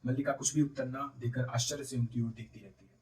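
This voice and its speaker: A man's voice: mid-range voice, fairly even intonation, quick pace, a little mellow. Man reading a play aloud, echoey and distant. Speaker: reader. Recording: roomy, distant from mic.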